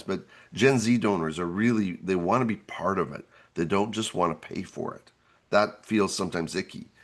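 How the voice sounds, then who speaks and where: A man with a somewhat low voice that has gone hoarse and gravelly talks through an instructional webinar. He explains each step earnestly, in a plain presenter's manner. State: hoarse, gravelly from losing his voice.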